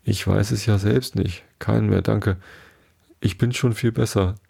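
Guy doing a squeaky little lizard, weak and flustered, kinda gravelly. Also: fairly even intonation, measured pace, dark tone, heavily acted. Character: small, timid, flustered male lizard.

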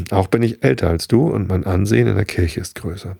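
A man's voice: low voice, fairly quick, creaky, warm tone, breathy edge, no room sound, clean studio sound, full character voice. A man reading the part of a boastful, self-important young suitor. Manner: boastful, pleading, later threatening. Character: pompous, eager young male suitor, self-important elder's son.

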